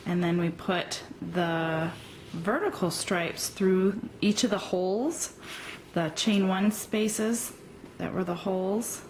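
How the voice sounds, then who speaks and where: A woman teaching a crochet tutorial step by step, pausing often with ums while she works. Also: medium pitch, a little hiss or hum, low-quality recording. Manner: slow, hesitant with frequent ums, talking while working. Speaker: crochet instructor.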